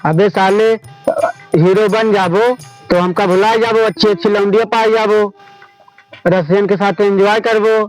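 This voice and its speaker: Awadhi man, high whiny voice, rustic comedy, clear music behind. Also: steady tone, a little slow, low-quality recording. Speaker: comic actor. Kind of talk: village comedy sketch.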